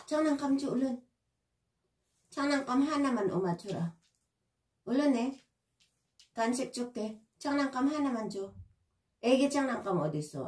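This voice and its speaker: A woman's voice: fairly high pitch, darkish tone. A woman talking to her pet, scolding it and repeating short, simple commands. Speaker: pet owner vlogger. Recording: roomy, from a distance.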